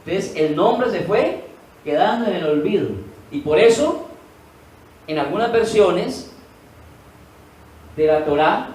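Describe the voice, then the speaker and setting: A male pastor preaches slowly and animatedly in a high-pitched, slightly mellow voice, pausing often. He questions the congregation, answers himself and repeats key words for emphasis, his voice distant in an echoey room with faint ambience.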